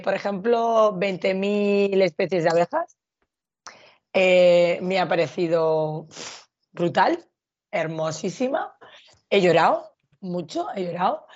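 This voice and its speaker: A woman's voice: mid-range voice, a little mellow. A woman co-hosting a podcast, chatting casually about films with many hesitant fillers. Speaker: podcast co-host. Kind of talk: casual film chat. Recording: dull lo-fi sound.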